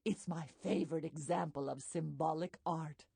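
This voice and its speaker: A woman voicing an instructive guide character in an educational game, explaining things in a measured, scripted way. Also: low-pitched, creaky.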